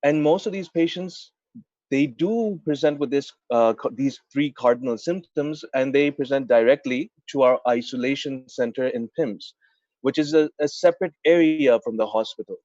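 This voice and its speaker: A man's voice: medium pitch, moderate pace, darkish tone, no room sound. A man with a Pakistani accent gives a medical talk as a guest on an online meeting. His voice sits around the middle for a man. The audio is dry and somewhat dull, as on a lo-fi video call. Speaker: intensive care doctor, guest speaker.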